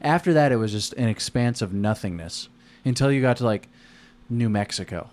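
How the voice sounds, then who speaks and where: A man's voice: medium pitch, lively intonation, moderate pace, darkish tone. An American man in a casual, rambling chat, talking in slangy, profane language.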